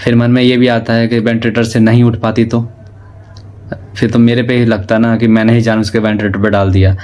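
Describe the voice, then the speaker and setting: A man vlogger slowly recounting a painful family loss in a subdued, halting way. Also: medium pitch, flat delivery, darkish tone. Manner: grief-stricken, subdued, halting retelling. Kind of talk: personal recounting to camera.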